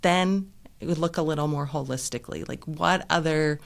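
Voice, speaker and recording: Guest, female lawyer and nonprofit director from Nevada; clear, explanatory, lists things out. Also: sits low, moderate pace. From Reno, Nevada. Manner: articulate, explanatory, listing things. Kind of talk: interview guest.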